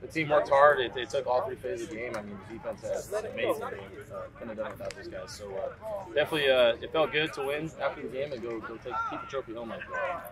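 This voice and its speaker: A man's voice: mid-range voice, animated, quick pace, over a noisy crowd. A young man answering post-practice interview questions as a college quarterback, in an earnest way. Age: young adult.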